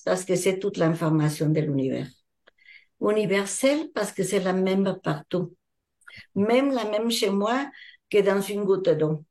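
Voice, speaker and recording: Older Mexican woman, slow and mellow. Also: lowish voice. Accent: Mexican Spanish. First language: Spanish. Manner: thoughtful, searching for words in French. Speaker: hypnotherapist and trainer. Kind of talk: interview answers.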